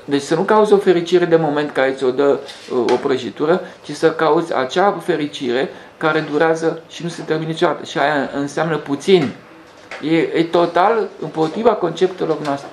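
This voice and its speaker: A host rambles through a spiritual monologue in a gravelly, slightly high voice, often restarting and hesitating. The room is echoey, with a faint hum underneath.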